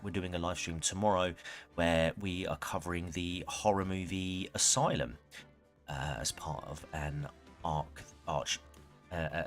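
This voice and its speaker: A man's voice: low voice, fairly bright tone. A man chatting casually to viewers as he hosts a live game stream. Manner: chatty, greets viewers as they arrive.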